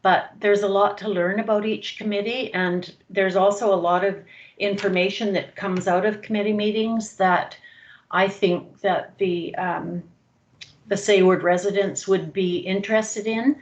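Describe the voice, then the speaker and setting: A woman councillor gives her view at a council meeting, softly and with frequent ums. The audio is dull and lo-fi, as from a meeting room recording. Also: medium pitch, steady tone, unhurried. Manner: soft-spoken, hesitant with frequent ums.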